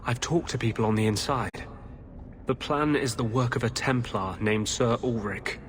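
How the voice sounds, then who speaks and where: A man's voice: mid-range voice, moderate pace, a little hiss or hum, lightly acted. A man playing a troubled, idealistic rebel mage in a video game, speaking in an earnest and urgent way.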